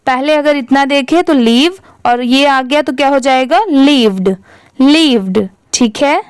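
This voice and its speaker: A woman's voice: high voice, steady tone, normal speed, dry recording. A woman teaching English reading, spelling words out letter by letter and patiently repeating each one before blending it. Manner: patient, repeats each word several times. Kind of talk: slow spelling-out lesson.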